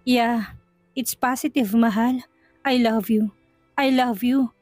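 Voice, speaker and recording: A woman reading the lines of a loving, tearful young husband in a gentle, soothing way, with soft music behind. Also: a little high, steady tone, slow, no echo. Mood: tender.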